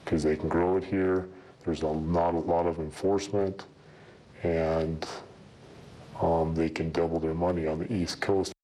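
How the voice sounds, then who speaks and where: Guy w disguised deep voice, altered so you can't tell who he is, dark and low, matter of fact. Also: flat delivery, measured pace, slight background noise. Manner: plain, matter-of-fact, with small restarts. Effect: voice electronically altered and lowered to hide identity. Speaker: undercover drug task force commander. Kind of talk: news interview clip.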